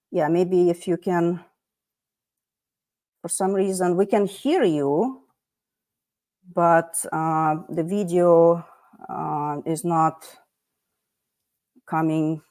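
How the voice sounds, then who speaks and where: A woman's voice: on the low side, very slow, long pauses, a little mellow, no echo. A woman hosting a livestream panel over a video call, chatty, with many fillers and restarts. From United States. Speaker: livestream host.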